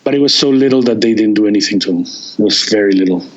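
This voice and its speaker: A man guesting on an interview as a touring band member, telling stories in a halting way with many restarts and searches for words. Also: fairly low pitch, lo-fi sound. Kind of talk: casual interview chat.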